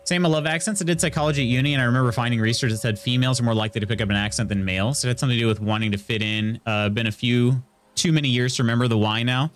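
A man in his thirties with an Indiana Midwestern accent, streaming from a small room at home and chatting casually while he plays and reads chat. His mid-range voice races along, picked up by a studio mic on an arm close to his face.

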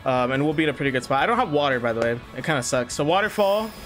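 A man's voice: fairly high pitch, lively intonation, racing, over music. A young man hosting his gaming channel, talking casually and a little scattered over his match, slightly out of breath. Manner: chatty and scattered, many fillers. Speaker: YouTube gaming channel host. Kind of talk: casual gameplay commentary.

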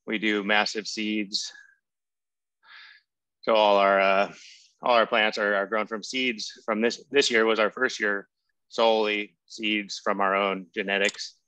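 Low, flat-voiced man, out of breath. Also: clean tone, no room sound, poor audio. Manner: casual, rambling. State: out of breath after exercise. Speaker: farm co-owner, co-op member. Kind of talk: casual online meeting. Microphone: video call.

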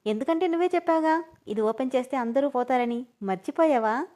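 A woman reading a storybook who voices a playful, talkative young woman, teasing and often pitched up. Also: fairly quick, darkish tone, natural voice. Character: playful, chatty young woman on her first flights.

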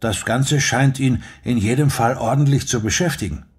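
A man's voice: mid-range voice, moderate pace, breathy edge, pitched above the performer's own voice. Brief: male reader as a probing young agent, lifted voice, keen. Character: young man trainee agent, curious and probing.

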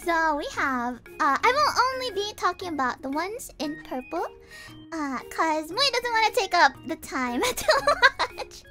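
A woman's voice: very high voice, very animated, unhurried, bright, forceful tone, soft background music. A woman chatting casually on a livestream as a cute anime streamer, childlike and playful, with cutesy verbal tics. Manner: cute anime streamer, childlike, refers to herself in third person. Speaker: virtual streamer introducing herself.

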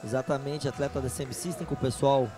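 A man's voice: mid-range voice, steady tone, fast, over music. A man with a Brazilian accent doing informal, slangy live commentary on an MMA fight.

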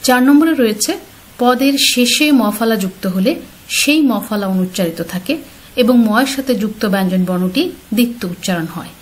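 A woman teacher giving a slide-based pronunciation lesson, speaking clearly and patiently and putting questions straight to her students. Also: a little high, fairly quick.

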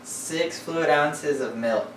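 A man's voice: on the high side, slow, fairly bright tone. A young man helping in a home kitchen. He reads out recipe steps in a matter-of-fact, lightly teasing way. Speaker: cooking helper. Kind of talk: casual chat, reading recipe steps. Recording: echoey kitchen, distant camera, noisy.

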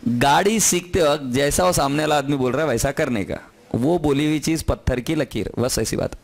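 A man's voice: fairly high pitch, moderate pace, gravelly. A man teaching accounting to a class, firm and teasing, switching between Hindi and English. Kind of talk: recorded classroom lecture.

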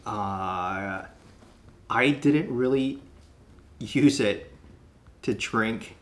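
A man's voice: on the low side, fairly bright tone. A man co-hosting a snack taste-test video in casual chat, joking and laughing often. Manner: playful, laughs often, jokey.

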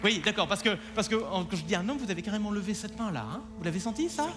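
A man's voice: high voice, expressive, fast, crowd noise. Guy mentalist on stage, theatrical and bossy with his volunteer, faint music, big hall reverb. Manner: theatrical, coaxing and commanding. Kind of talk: live stage show addressing a volunteer. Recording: live theatre with long reverb.

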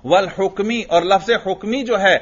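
A man's voice: high-pitched, breathy edge. A male religious teacher with a Pakistani Urdu accent gives a grammar lecture, asking the class questions and answering them himself. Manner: recites Arabic text slowly, then explains it. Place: lecture room. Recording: dull lo-fi classroom recording.

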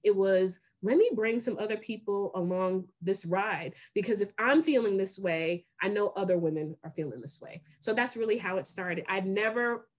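A woman in her late forties, a guest on a video call, talking in an animated, emphatic way and laughing easily. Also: medium pitch, normal speed, few pauses. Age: 40s. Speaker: guest, brand founder. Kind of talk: casual video-call conversation. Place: home room.

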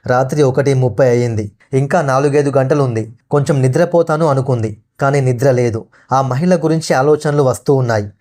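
A man narrating a scripted horror story in a steady, measured way. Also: mid-range voice.

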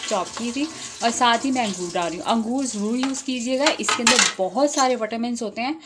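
Speaking a little fast in a slightly high voice, a home cook casually demonstrates a recipe, walking viewers through it chattily and dropping in English phrases. Kitchen clatter adds noticeable noise to the recording.

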